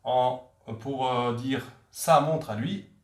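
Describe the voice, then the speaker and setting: A man leads a slow, patient vocabulary lesson, saying each word again and again for his learners. His mid-pitched voice carries a clear echo from the room he records in, and his delivery stays unhurried throughout. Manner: repeats each word several times for learners. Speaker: language teacher. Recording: echoey room.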